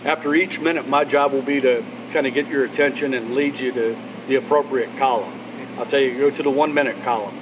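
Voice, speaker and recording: A man instructor giving an informal briefing, explaining a procedure step by step. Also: mid-range voice. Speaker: altitude chamber instructor. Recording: loud background machinery hum.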